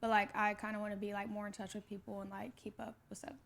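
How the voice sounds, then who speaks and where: A woman's voice: medium pitch, level tone, fast, creaky. A woman in her twenties co-hosting a podcast, telling a story in casual chat with lots of "like" fillers. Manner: chatty, storytelling with many "like" fillers. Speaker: podcast co-host.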